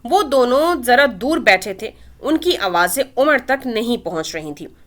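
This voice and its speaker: A woman reading a novel aloud with expressive storytelling. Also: on the high side, a little slow. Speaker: narrator.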